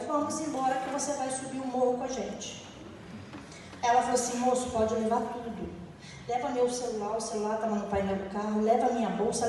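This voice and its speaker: A woman's voice: high voice, a little hiss or hum. A middle-aged woman from Rio de giving a testimony sermon, telling a story and acting out the voices in it. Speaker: church speaker giving testimony. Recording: echoey hall from far off.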